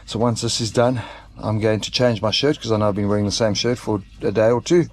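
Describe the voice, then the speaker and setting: This travel vlogger from South Africa has a lowish, darkish voice with fairly even intonation and a slightly fast delivery. Chatting and joking about himself at an outdoor motorhome camp by a racetrack, he's recorded with a slight hiss or hum.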